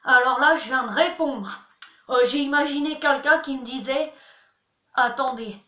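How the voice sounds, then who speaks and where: In her casual vlog, this young woman speaks in a high-pitched, bright, forceful voice at a moderate pace, and the highs are cut off. She's chatty and playful, teaching words while mocking herself. The mic sits at a distance in a room full of echo.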